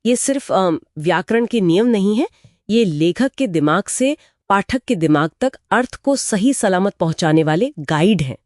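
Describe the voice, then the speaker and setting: A woman's voice: mid-range voice, lively intonation, moderate pace, a little mellow, dry recording, studio quality. A woman co-hosting an explanatory podcast who explains with examples and often chimes in with short agreements. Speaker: podcast co-host.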